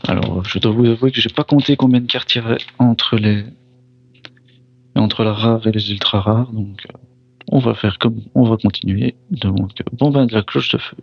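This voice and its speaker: A man opening card packs reads every card name aloud, pausing to react and apologizing when he mispronounces foreign ones, all in casual commentary. His voice is fairly low and steady with vocal fry, on a muffled recording without echo.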